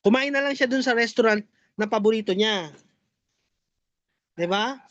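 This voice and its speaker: A woman's voice: a little high, moderate pace, no echo, lo-fi sound. A woman vlogger chatting with her viewers as she tells a joke, often turning to talk to them directly. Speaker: network marketing vlogger. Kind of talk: casual joke storytelling to viewers.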